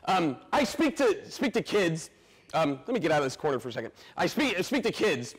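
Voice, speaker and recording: A man giving an animated, energetic masterclass talk to film students, loud and full of stammered restarts and quick laughs. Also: on the high side, slightly rough. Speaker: guest speaker at a film school masterclass. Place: stage in a school hall.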